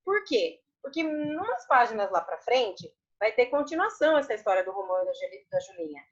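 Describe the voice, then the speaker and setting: A woman's voice: a little high, sing-song, fairly quick, highs cut off. A Brazilian woman teacher patiently explaining homework answers to young students, often repeating words and asking tag questions. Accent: Brazilian Portuguese. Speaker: primary school Portuguese teacher. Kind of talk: online class explanation.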